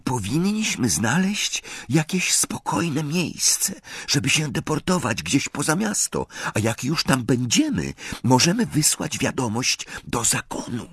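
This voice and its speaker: Male reader doing a high, jittery teenage witch for an audiobook, nervous and quick-minded. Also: very animated, no room sound, clean studio sound. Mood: urgent whisper. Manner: high, fretful and hurried. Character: anxious clever teenage girl witch.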